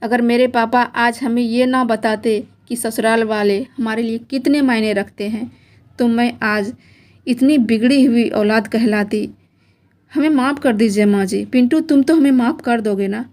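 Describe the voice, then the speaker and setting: Woman doing a spoiled young bride in a storybook tale, pleading and complaining, high voice. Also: moderate pace, darkish tone, lightly acted. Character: spoiled young married woman, later remorseful.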